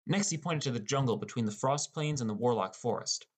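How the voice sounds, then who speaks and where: In this audiobook, a man with a natural, medium-pitched voice speaks briskly as a wry teenage boy without much experience. He narrates the boy's game adventure in the first person and performs the character dialogue too.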